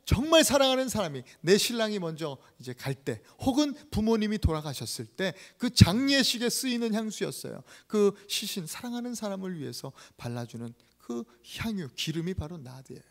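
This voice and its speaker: A male pastor preaching a sermon in a church, dramatic and storytelling, swinging from loud to hushed. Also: high voice, sing-song, brisk, vocal fry, hardly any pauses. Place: church sanctuary.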